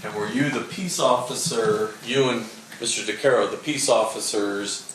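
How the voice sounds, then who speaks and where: Captured in a reverberant courtroom with background noise, a man serving as prosecutor methodically questions a witness. His pitch is medium, his speed normal, his tone fairly bright, and he fills gaps with frequent "uh" and "um."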